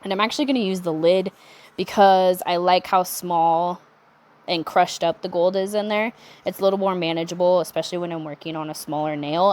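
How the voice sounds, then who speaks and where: A young adult woman talking through a nail art tutorial in a chatty, relaxed way, with self-correcting asides. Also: fairly low pitch. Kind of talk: casual step-by-step tutorial narration.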